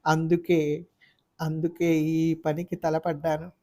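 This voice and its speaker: కథకులు పలికే ఆడియో నవల కథానాయిక, భర్తను ప్రశ్నించే బాధాతప్త స్త్రీ. మాటల్లో వేదన, పట్టుదల కలిసి వినిపిస్తాయి. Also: female voice, low-pitched, level tone, slow, mellow. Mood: grieving. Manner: pleading then fiercely defiant. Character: hurt, defiant young wife and mother. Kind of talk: audiobook character voice.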